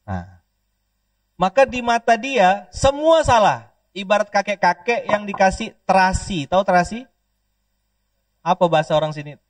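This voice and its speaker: A man from Pontianak, Indonesia, preaching a lively sermon, joking and leading call-and-response with the audience. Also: sits high, moderate pace, long pauses, no echo. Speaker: Islamic preacher. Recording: dry, distant mic.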